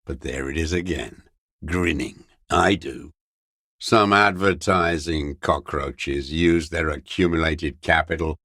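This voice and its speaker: An actor playing a bitter, contemptuous old communist deserter in a video game, ranting like a zealous ideologue. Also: male voice, deep voice, a bit bright, no echo, studio quality. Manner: slow, contemptuous, doctrinaire ranting. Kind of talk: video game character dialogue.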